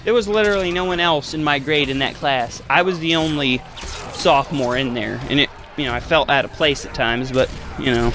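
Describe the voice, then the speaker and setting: A man's voice: a little high, a little fast, over music. A young man in his twenties hosting a gaming channel, rambling through a casual story with lots of swearing and fillers.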